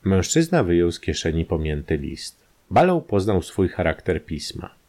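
A man narrating a scripted crime story in a measured, expressive way. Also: low-pitched.

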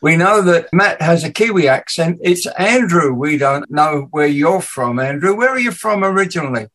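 A man's voice: fairly high pitch, lively intonation, moderate pace, fairly bright tone, low-quality recording. A male podcast host with a mixed English and Danish accent, chatting casually and musing aloud. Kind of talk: casual radio chat.

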